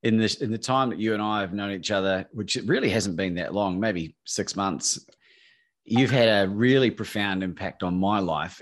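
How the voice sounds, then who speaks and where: A man hosting a podcast interview in a friendly, joking way. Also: fairly low pitch. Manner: friendly, joking, laughs easily. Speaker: podcast host. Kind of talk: conversational interview.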